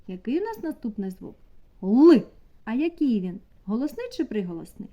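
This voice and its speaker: A woman teaching a preschool class, asking the children slow, sing-song questions. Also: on the high side, sing-song, muffled recording. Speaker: kindergarten teacher. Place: kindergarten classroom.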